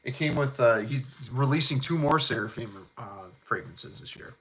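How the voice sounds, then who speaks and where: In a rough recording, a middle-aged man with a thick Chicago South Side accent hosts a casual live fragrance chat at a moderate pace. His medium-pitched voice is a bit bright, and he rambles in a laid-back, chummy way, full of fillers and laughs.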